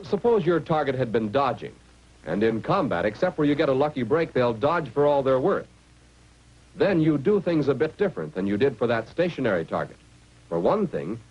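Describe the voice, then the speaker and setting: Darkish in tone and slightly rough, this medium-pitched male voice belongs to an American narrator of a 1940s military training film. He instructs the viewer directly as "you," over a dull, faintly noisy period soundtrack.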